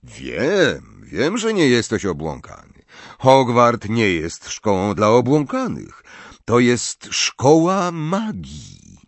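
A man voicing a calm, patient old male wizard who is a teacher. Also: mid-range voice, dry recording, voice pushed up, heavily acted. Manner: patient, gentle, unhurried.

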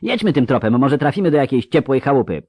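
A man voicing a cheeky, stubborn young girl in a read-aloud story, high and shrill. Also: sing-song, quick pace, darkish tone, husky, no echo. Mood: shouting, insistent.

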